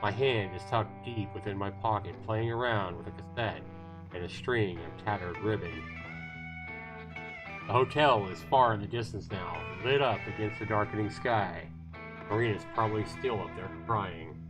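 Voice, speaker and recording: A man's voice on the low side delivers visual novel narration dramatically on a livestream at a moderate pace, stumbling occasionally. Guitar music plays underneath, and the audio quality is poor.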